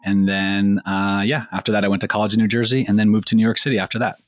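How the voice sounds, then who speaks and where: A man's voice: on the low side, little pitch movement, quick pace, dry recording, clean studio sound. A young man born in the Philippines and raised in Oregon, co-hosting a casual podcast chat and rambling freely with fillers. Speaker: co-host.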